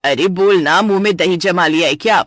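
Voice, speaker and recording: A woman's voice: lowish voice, normal speed, a bit bright, dry recording, clean studio sound, pitched below the performer's own voice, close to an everyday voice. A woman voicing a playful middle-aged mother who teases her married daughter. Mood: joking. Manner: teasing, joking. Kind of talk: animated story voice acting.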